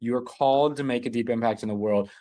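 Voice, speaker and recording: A man leads a live online business masterclass, his pitch sitting in an ordinary middle register. He talks loosely and conversationally, often stopping to rephrase mid-sentence as he explains. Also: brisk, warm tone. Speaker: business coach hosting a masterclass. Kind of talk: live online teaching session.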